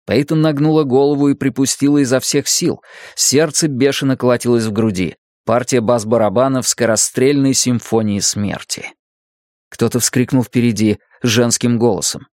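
A man narrating a dramatic audiobook in a steady, measured way. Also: mid-range voice, no room sound, studio quality.

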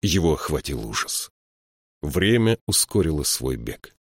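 A man narrating a fantasy audiobook in a steady, measured storytelling voice. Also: extremely low pitch, no echo, studio quality. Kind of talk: scripted narration.

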